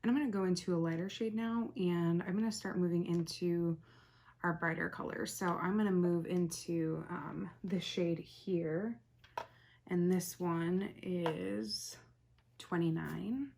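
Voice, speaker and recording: A young woman hosting a casual, chatty makeup tutorial, rambling softly as she works and often dropping to a near whisper. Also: on the low side, steady tone, a little slow, gravelly, a little hiss or hum. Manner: rambling, soft-spoken, talks while working, often drops to near whisper.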